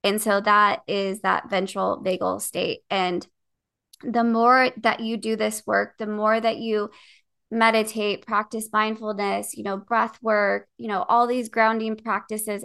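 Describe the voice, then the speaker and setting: A woman co-hosting a podcast in casual chat, animated, acting out her own inner thoughts and leaning on "like" as a filler. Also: medium pitch, measured pace, vocal fry, clean tone. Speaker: podcast co-host.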